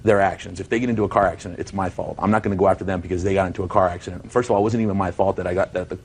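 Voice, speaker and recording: A man's voice: sits low, fairly even intonation, racing, darkish tone, a little hiss or hum. A man testifying as a defendant in a TV court, rambling, repeating himself and defending himself. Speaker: defendant in a TV small-claims court. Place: TV courtroom studio.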